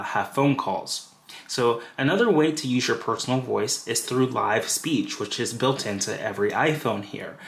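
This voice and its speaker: A man's voice: mid-range voice, fairly bright tone. A man casually walking through a phone setup tutorial step by step, with fillers like "you know". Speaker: tech tutorial presenter. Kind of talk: screen-recorded how-to walkthrough. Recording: roomy echo.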